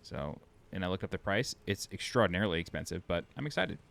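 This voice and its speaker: A man's voice: low voice, expressive, fast talker, gravelly, fairly bright tone. A tired man with a New York accent giving chatty, self-deprecating walkthrough commentary over a video game, thinking aloud as he plays. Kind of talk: casual gameplay commentary.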